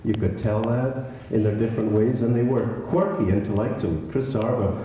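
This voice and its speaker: A middle-aged Scottish man giving a halting, lightly humorous memorial speech, with many fillers and restarts. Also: lowish voice, mellow. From Scotland. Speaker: eulogy speaker. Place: village hall. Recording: echoey hall from far off.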